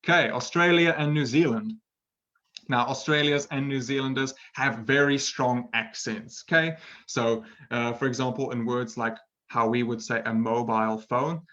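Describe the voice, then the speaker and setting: A male English teacher runs a casual webinar lesson through a computer mic, and the audio comes out dull. His mid-range voice is bright and forceful, with a steady tone and a normal pace. He's chatty and playful, laughs at himself, and keeps ending sentences with "right?"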